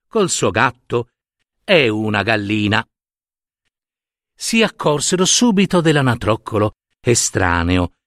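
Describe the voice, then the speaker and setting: A man reading a children's story aloud in a slow, expressive way. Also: medium pitch, no room sound, clean studio sound. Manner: slow, expressive, lively narration.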